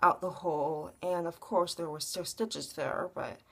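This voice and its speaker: A woman's voice: fairly low pitch, steady tone, a little slow, creaky, a bit bright, husky. A young woman giving a casual personal update as a vlogger, telling stories in a rambling, conversational way.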